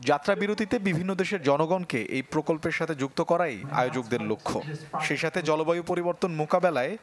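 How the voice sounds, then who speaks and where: Higher-pitched Bangladeshi male news reporter. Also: fast talker. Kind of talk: scripted news report narration. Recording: crowd noise behind the voice.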